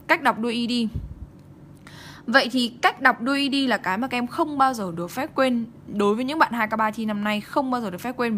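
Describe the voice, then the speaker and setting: A woman teaching an online English exam-prep lesson, speaking briskly and checking in with her students again and again. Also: on the high side, a bit bright, a little hiss or hum. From Vietnam.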